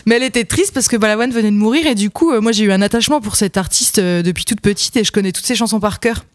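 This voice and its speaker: Brief: chatty woman guest, 30s, faint Franche-Comté accent, middle pitch, dry close sound. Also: quick pace, dry recording. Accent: Franche-Comté French, slight. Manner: chatty, laughs often, frank. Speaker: guest, comics author. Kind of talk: casual podcast chat.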